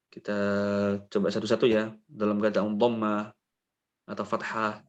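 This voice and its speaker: An Indonesian man teaching Quran recitation online, slowly repeating syllables to model how a sound is pronounced. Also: lowish voice, muffled recording. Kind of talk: online tajweed lesson.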